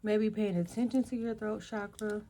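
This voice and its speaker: A woman with a mid-range, dark-toned voice and fairly even intonation hosts an energy reading. Her speech is halting, full of pauses and fillers as she offers words one at a time. She's losing her voice and keeps having to clear her throat.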